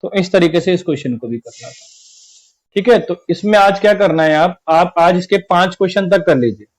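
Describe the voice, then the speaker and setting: Guy teaching maths online, kinda high voice, goes over each step twice. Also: fairly quick, low-quality recording. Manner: explains step by step, repeats each point, often says "theek hai". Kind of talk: online class lecture.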